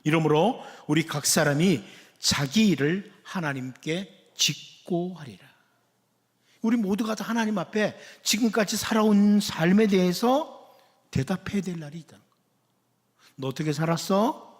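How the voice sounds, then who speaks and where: A middle-aged man delivers a sermon from the pulpit in an earnest, conversational way, briefly acting out the questions he quotes. His voice sits a little high for a man. A long church reverb trails behind his words. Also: moderate pace. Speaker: pastor. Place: church sanctuary.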